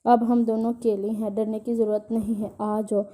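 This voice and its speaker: A woman reading the lines of a caring middle-aged mother figure who gently scolds and reassures, in a storybook reading. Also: fairly high pitch, flat delivery, close to an everyday voice. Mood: tender.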